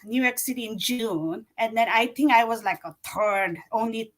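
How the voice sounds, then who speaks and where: A woman in her forties from Nepal, appearing as a guest runner, chats casually in an interview and rambles with lots of fillers. Her voice is on the high side, at a moderate pace.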